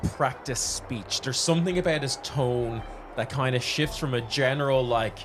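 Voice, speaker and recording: A man's voice: medium pitch, moderate pace, noisy background. A man narrating a tabletop game as game master, in loose, laughing banter with his players. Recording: music playing behind the voice.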